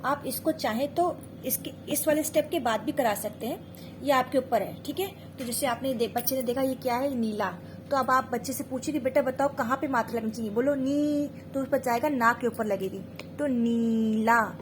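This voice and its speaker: A woman and mother teaching in an instructional lesson, patiently explaining step by step, slowly sounding out syllables and often checking in with her listeners. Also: sits high, background noise.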